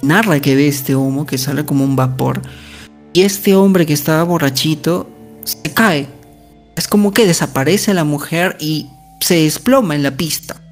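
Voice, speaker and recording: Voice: mid-range voice, moderate pace, faint music behind. A narrator casually retelling a ghost story in a conversational way, often tagging lines with questions and fillers.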